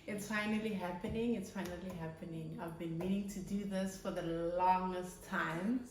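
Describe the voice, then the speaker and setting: Speaking in a lowish, steady voice, a South African woman in her thirties and native Swati speaker tells her channel about herself in a cheerful, laid-back way, laughing frequently. She's recorded in an echoey room with faint music in the background.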